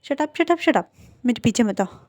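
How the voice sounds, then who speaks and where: A woman's voice: fairly high pitch, a little fast, mellow, natural voice. A woman voicing a petulant young man who pouts and stammers. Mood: sulky. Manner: pouting, stammering.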